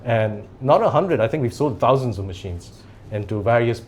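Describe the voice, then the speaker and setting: A man in his forties, a CEO whose native language is Japanese, chats through a casual podcast interview, telling rambling stories and laughing a little between phrases. His medium-pitched, darkish voice is animated and at normal speed. A little hiss or hum can be heard.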